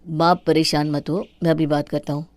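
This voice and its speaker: A woman's voice: deep voice, little pitch movement, moderate pace, dry recording, voice pushed down. A woman voicing an angry young son. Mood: scolding. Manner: scolding, shouting commands. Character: young man, angry son defending his mother.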